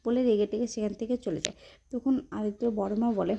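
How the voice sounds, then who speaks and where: A woman's voice: mid-range voice, fairly even intonation, fast talker, vocal fry, warm tone. Woman casually retelling a TV episode. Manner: loose, conversational, with repeated linking phrases. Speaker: serial recap narrator. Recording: dull lo-fi recording with faint background noise.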